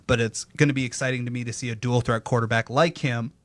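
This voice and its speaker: A man's voice: medium pitch, steady tone, fast talker, fairly bright tone, dry recording. Young man reading sports headlines. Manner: reads news items then riffs, teasing. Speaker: podcast host reading headlines. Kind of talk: casual sports podcast banter.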